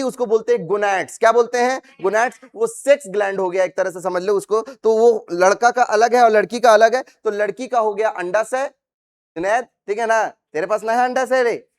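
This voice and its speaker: A man teaching science to a live class, repeating questions and having students recite the terms after him. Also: very high-pitched. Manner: calls students "babu", teasing and scolding them. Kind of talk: classroom lecture.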